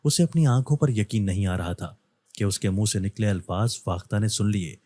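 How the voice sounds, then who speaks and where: Low, warm-voiced male storyteller. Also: no echo. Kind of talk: scripted narration.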